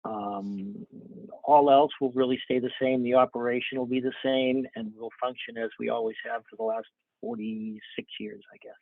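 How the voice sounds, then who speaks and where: An older man and business owner speaking on a video call, hesitant and apologetic, with halting restarts. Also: medium pitch, fairly even intonation, no echo. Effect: on a video call, phone-like sound. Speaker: business owner at a licensing hearing. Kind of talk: remote testimony at a public hearing. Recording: dry, tinny video call audio.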